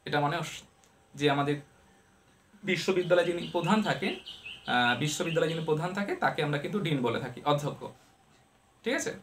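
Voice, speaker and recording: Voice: medium pitch, expressive, brisk, long pauses, a bit bright, slight background noise. A pronunciation teacher explaining step by step, often asking questions and mixing two languages, with playful asides. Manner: playful, gives vowels human traits; switches often between Bengali and English. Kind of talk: online pronunciation lesson.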